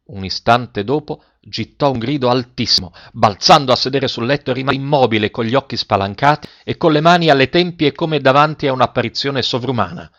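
A man narrating a story in a measured, dramatic reading style. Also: mid-range voice, a bit bright, no room sound, dull audio.

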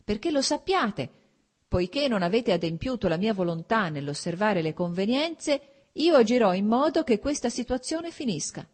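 A woman voicing a cold, stern middle-aged husband whose voice turns shrill with anger, harsh and formal. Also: expressive, normal speed, natural voice.

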